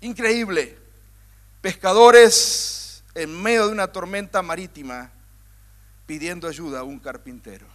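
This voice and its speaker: A man's voice: high-pitched, a little slow, fairly bright tone. A man preaching a sermon with emphatic, building repetition, talking directly to his listeners.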